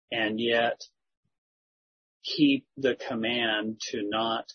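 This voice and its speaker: A man, a church elder, calmly and thoughtfully explaining scripture in a slow, measured way during a group discussion. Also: medium pitch, breathy edge. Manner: measured, thoughtful, gently corrective. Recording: dull lo-fi recording.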